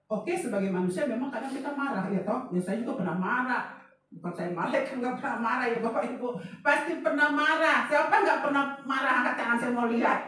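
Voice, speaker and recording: A woman's voice: fairly high pitch, slight background noise. A woman pastor giving a chatty, conversational sermon, often asking the congregation questions and telling a personal story with laughter. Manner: tells a personal story with laughter and quoted dialogue. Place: church. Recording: echoey church hall, voice from a distance, music faintly behind.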